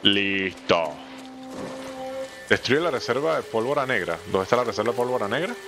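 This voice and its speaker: Animated man streaming a game. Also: on the low side, normal speed. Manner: animated, slangy, talks to the game characters. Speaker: gameplay streamer. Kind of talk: let's play commentary. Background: game music.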